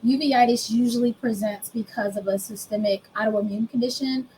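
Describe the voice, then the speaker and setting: A woman's voice: on the high side, fairly even intonation, moderate pace, dark tone, a little hiss or hum, poor audio. A woman in her thirties from the United States, candidly telling her own story as an interview guest, plain and self-mocking. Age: 30s. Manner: candid, explains plainly, laughs at herself.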